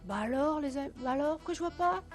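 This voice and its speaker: A woman hosts a live call-in television quiz in a high-pitched voice that is hoarse tonight. She chats away and coaxes viewers to phone in, counting down the seconds and correcting her own wording as she goes. Faint music plays underneath. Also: lively intonation, brisk. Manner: chatty, coaxing viewers, counting down, correcting herself aloud. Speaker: game show host.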